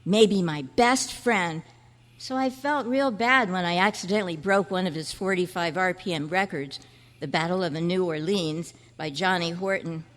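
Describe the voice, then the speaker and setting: At a club meeting in a large convention room, a woman with a lowish voice lightly acts an earnest, nostalgic fourth-grade boy, reminiscing in chatty kid slang at normal speed. It's old-time radio play stage acting, and her voice rings through the hall with long reverb.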